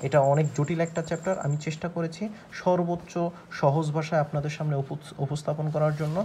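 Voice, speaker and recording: A man teaching a grammar lesson, explaining slowly with many pauses and fillers. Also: fairly high pitch, level tone, dark tone, a little hiss or hum.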